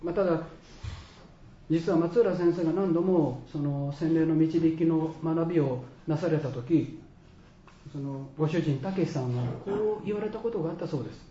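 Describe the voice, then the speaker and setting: A man preaching a sermon as a pastor, an earnest storyteller who pauses and acts out quoted voices. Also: a little high, mellow, reverberant, lo-fi sound, a little hiss or hum.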